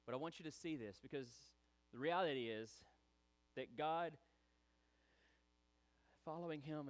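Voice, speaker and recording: A man preaching a sermon, animated and chatty, acting out the voices of people in the story. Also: medium pitch. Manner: animated, acts out quoted voices, chatty asides. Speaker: pastor.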